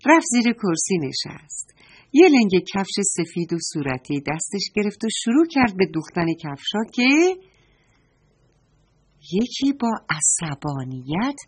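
A middle-aged woman telling a children's story, slow and expressive, speaking affectionately to the kids. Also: on the low side, slightly rough.

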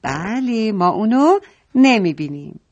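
A woman's voice: mid-range voice, sing-song, a little mellow, dull audio, pitched above the performer's own voice. A woman voicing a kind mother who patiently explains things to children in a story. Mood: gentle teaching. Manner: patient, explaining, asking questions.

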